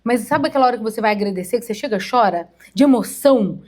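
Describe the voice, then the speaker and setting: A fast-talking woman with a fairly high, animated voice and a darkish tone delivers a casual sermon. She's a therapist in her fifties from Minas Gerais with a Mineiro Brazilian Portuguese accent, preaching to a congregation in a chatty, emotional style full of acted-out stories and quotes.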